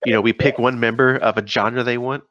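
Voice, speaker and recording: A man's voice: medium pitch, steady tone, brisk, no echo, highs cut off. A man co-hosting a gaming podcast in casual chat, rambling with many fillers and laughs. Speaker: podcast co-host.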